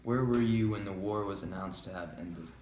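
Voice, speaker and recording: A man's voice: fairly low pitch, normal speed, darkish tone. A young American man interviewing someone informally, with casual, tentative phrasing. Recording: echoey room, faint background noise.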